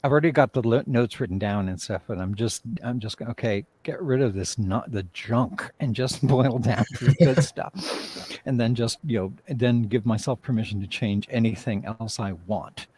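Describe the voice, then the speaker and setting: Speaking at medium pitch and a moderate pace, with a slightly mellow voice and a breathy edge, a playwright and director chats casually as an interview guest in a live discussion. He rambles and frequently cuts himself off.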